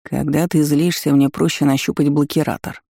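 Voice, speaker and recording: A man voicing a stern, powerful male dark mage in an audiobook, with commanding, clipped speech. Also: on the high side, little pitch movement, normal speed, gravelly, no echo, clean studio sound. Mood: calm.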